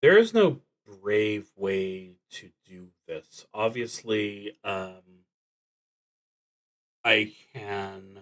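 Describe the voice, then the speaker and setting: A man with a fairly low, slightly bright voice streams a solo tabletop roleplaying game. He narrates and thinks aloud in a halting, deliberate way, leaving long pauses.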